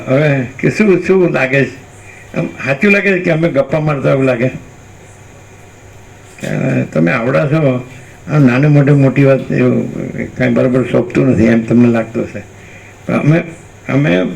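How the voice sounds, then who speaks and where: A man giving an unhurried spiritual discourse as a teacher, repeating phrases and putting rhetorical questions to his listeners. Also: fairly high pitch, vocal fry, poor audio.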